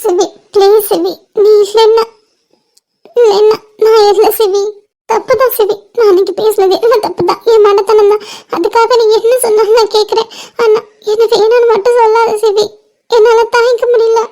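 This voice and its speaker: A woman's voice: very high voice, fairly even intonation, fairly quick, a little mellow. A woman voicing a tearful young woman in a fan-made cartoon, crying and pleading for forgiveness. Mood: begging, crying.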